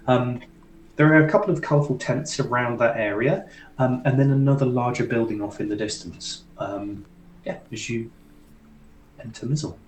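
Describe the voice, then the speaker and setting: A man's voice: mid-range voice, a little mellow, roomy sound, a little hiss or hum, poor audio. A man narrating as dungeon master in a casual, rambling way, with lots of ums and likes. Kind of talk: narrating a tabletop game.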